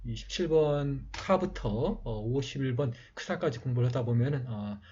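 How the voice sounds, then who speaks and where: Halting, husky-voiced man teaching writing. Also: medium pitch, a little mellow. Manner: slow, halting explanation with many fillers. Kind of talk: calligraphy writing lesson. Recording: dull lo-fi recording.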